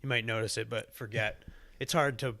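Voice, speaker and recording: A man's voice: mid-range voice, fairly even intonation, a little fast, creaky, sharp tone. A man co-hosting a podcast, chatting casually about a movie in a rambling, self-correcting way. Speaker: podcast co-host. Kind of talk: casual movie review chat.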